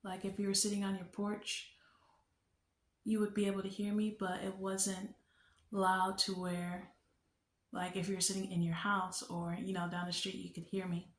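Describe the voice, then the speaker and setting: Woman, young adult, earnest unhurried storyteller, flat delivery, roomy echo. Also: medium pitch. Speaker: vlogger sharing a testimony. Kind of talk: personal faith testimony. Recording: echoey room.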